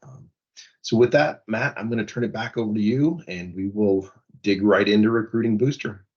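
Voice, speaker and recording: A man with a very deep voice speaks for his consulting firm in a business webinar. He talks haltingly, repeating words and filling pauses. The audio is muffled and lo-fi. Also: darkish tone. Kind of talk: casual business webinar talk.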